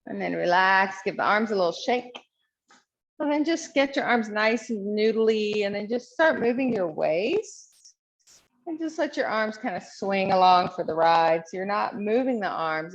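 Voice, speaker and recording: Gravelly-voiced woman leading yoga. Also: medium pitch, muffled recording. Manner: calm, encouraging cueing of poses. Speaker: yoga instructor. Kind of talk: guided yoga class instruction.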